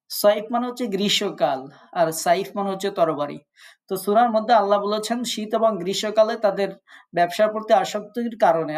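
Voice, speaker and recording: A man teaching an online tajweed class. He explains step by step and sounds out Arabic letters to contrast them. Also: high-pitched. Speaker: Quran recitation teacher.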